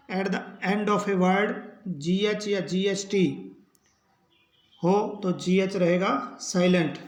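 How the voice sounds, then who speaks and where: Slow, high-voiced man teaching spelling. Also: roomy sound. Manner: spells words letter by letter, then repeats each pronunciation. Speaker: English teacher.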